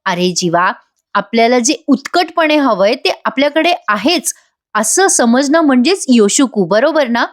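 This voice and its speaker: A woman's voice: high-pitched, expressive, a little slow. A woman giving a voice-over recap of a TV serial episode, retelling it animatedly and acting out the characters' lines. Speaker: TV serial reviewer.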